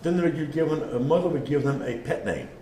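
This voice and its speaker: Guy giving a casual talk, mellow voice, roomy echo, bit of noise behind. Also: on the high side, brisk. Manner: conversational, acts out little dialogues. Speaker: speaker on genealogy and naming. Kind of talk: informal lecture.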